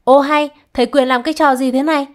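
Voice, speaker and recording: A woman voicing a young village woman selling rice rolls, deferential and then shrill with fright, in a storybook reading. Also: normal speed, close to an everyday voice. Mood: panicked.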